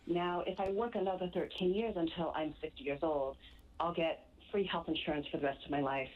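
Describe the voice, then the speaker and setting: Caller: woman, 40s, low voice, earnest and organized, tinny phone-line sound. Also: a little fast. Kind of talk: call-in radio show.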